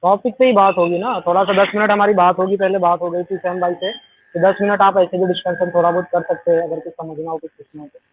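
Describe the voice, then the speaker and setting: A man's voice: high voice, little pitch movement, a little hiss or hum. A man calling into a live debate, persistent and repeating his questions. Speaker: caller in a debate. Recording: tinny phone-line call.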